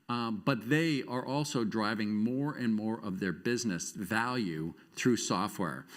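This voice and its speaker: A middle-aged man giving a conference talk, telling stories in an animated, self-deprecating way with wry asides. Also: medium pitch. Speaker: conference speaker. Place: conference stage before an audience.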